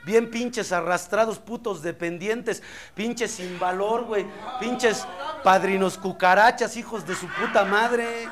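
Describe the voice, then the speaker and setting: Profane, high-voiced Mexican man testifying. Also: slow pace, a bit bright. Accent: Mexican Spanish. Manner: blunt, profane, impassioned storytelling. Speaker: AA speaker. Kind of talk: recovery meeting testimony.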